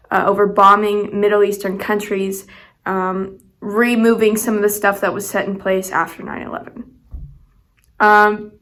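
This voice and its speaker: A woman's voice: mid-range voice, a bit bright. A young woman giving casual, wry news commentary, recorded in an echoey room. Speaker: news segment presenter for a school show.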